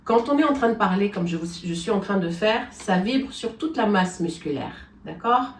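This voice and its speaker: A woman's voice: mid-range voice, expressive, normal speed, slight background noise. A woman vocal coach gives a singing lesson, explaining things step by step and often checking in with her students. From France. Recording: echoey room, from a distance.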